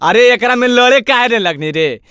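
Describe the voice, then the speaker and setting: A man's voice: very high-pitched, expressive, normal speed, bright, forceful tone, clear, resonant tone, dry recording, studio quality. A man with a Magahi accent acting in a village comedy skit, scolding and exclaiming at the people around him. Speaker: comic actor and singer.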